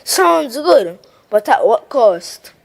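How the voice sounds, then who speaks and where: A woman's voice: fairly high pitch, big pitch swings, slow pace, gravelly. A woman reads a persuasive speech in an assembly chamber, posing rhetorical questions. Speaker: youth assembly member. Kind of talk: read parliamentary speech.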